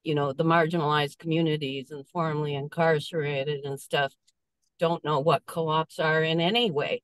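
A woman calling into an online meeting on a car speakerphone while driving, speaking earnestly and steadily with frequent pauses. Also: low voice, steady tone, clean tone, no room sound, low-quality recording. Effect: calling in over a car speakerphone. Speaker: meeting participant. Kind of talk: casual video call discussion. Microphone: phone speakerphone.

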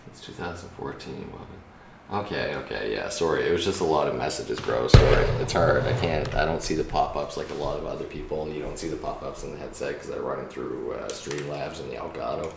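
A tired man with a raspy voice, casually chatting and rambling through a late-night live stream from his room at home. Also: very deep voice, brisk, reverberant, distant mic, very noisy. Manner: laid-back, rambling, swears casually. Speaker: game streamer.

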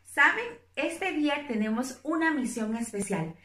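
Woman, children's teacher; slow, lively sing-song delivery, echoey room. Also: sits high, far from the mic. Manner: slow, sing-song, encouraging teacher talk with drawn-out syllables. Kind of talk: children's phonics lesson. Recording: roomy echo, a bit off-mic.

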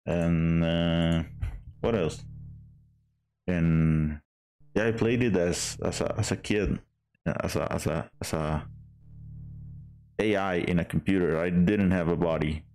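A male streamer with a low, smooth, clear voice chats casually over a game. He talks slowly and hesitantly, full of fillers and restarts. Faint music plays behind him. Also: darkish tone.

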